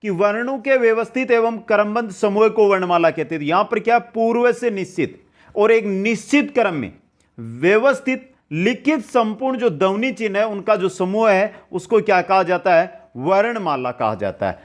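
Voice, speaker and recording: A man's voice: high-pitched, lively intonation. A man teaching an online grammar class, explaining step by step and answering his own questions as he goes. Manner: drags out sounds and counts slowly.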